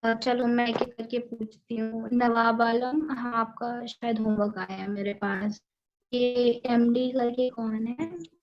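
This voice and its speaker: A woman's voice: a little high, steady tone, slow, a little hiss or hum. A woman teacher giving an online class over a call, checking with her students and using many fillers. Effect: heard over an online call. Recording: dull, lo-fi online call audio.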